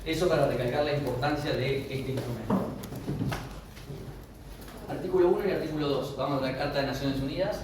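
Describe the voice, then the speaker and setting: A man's voice: mid-range voice, brisk, long pauses. A man with an Argentine accent giving a university law lecture, explaining step by step and often checking in with his class. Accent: Argentine Spanish. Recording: echoey room, far from the mic, with noise.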